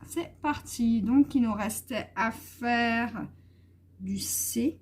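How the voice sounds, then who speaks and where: A woman vlogger colors while chatting casually and hesitantly, using lots of fillers. Her voice is a little high and she draws out her words.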